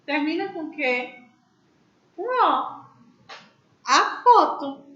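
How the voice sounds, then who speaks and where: A woman's voice: sits high, very animated, extremely slow, a bit bright, reverberant, highs cut off. A woman teaching a grammar class, explaining step by step and asking her students questions. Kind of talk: online class lecture.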